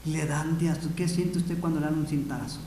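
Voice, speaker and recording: A Mexican-accented male pastor preaching a dramatic sermon and calling his listeners brothers. His voice is high for a man, and he is recorded in a large seminary hall with a long, ringing reverb. Faint room noise runs underneath. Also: fairly even intonation, fairly quick, dark tone.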